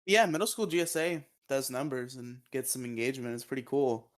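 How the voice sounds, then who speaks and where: A man's voice: mid-range voice, fairly quick. A man co-hosting a podcast in casual chat, sleepy and yawning, rambling with lots of fillers. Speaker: podcast co-host.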